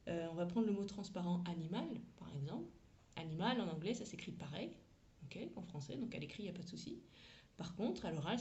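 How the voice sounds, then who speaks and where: A woman's voice: fairly low pitch, dark tone. A woman English teacher talking casually in a podcast, chatty and frank, laughing often and using crude slang.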